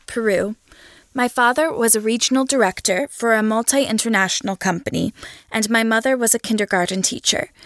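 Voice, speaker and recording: A woman reading the answers of a scripted interview in a steady, even way. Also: on the high side, no room sound, studio quality.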